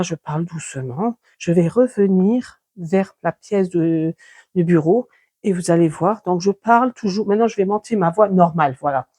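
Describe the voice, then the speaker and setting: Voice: mid-range voice, mellow. A vlogger at home talking casually through a clip-on lapel mic on a phone, rambling with many fillers and restarts while walking between rooms. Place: home, moving between office and sewing room. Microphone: clip-on lapel mic plugged into a phone.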